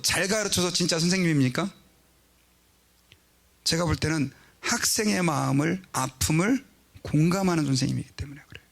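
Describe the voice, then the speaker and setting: A male pastor delivers a sermon in a relaxed, conversational way, often speaking straight to the congregation. His voice sits a little high and carries a gravelly edge.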